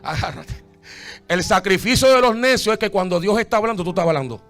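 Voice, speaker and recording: A man preaching a sermon as pastor, swinging from hushed talk to shouts and calling his listeners "amado". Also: sits high, expressive, a little fast, faint music behind. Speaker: bishop, pastor.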